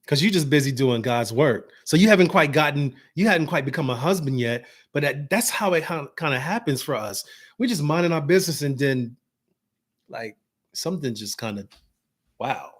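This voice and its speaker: A man talks through marriage advice in an easygoing, motivational way. He acts out little snatches of dialogue and now and then drops into a calm, soft tone to show an example. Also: fairly high pitch, a little fast. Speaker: host giving marriage advice. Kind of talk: casual motivational talk.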